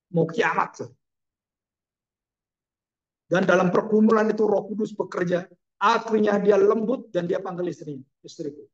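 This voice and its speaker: A man's voice: sits high, muffled recording. A man preaching a sermon, telling a story expressively with emphatic exclamations and ending in prayer. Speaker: pastor.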